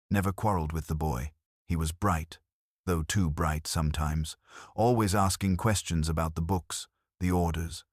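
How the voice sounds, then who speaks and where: A man voicing a bewildered, grieving middle-aged village butcher in an audiobook, murmuring haltingly. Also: sits low, no echo, clean studio sound.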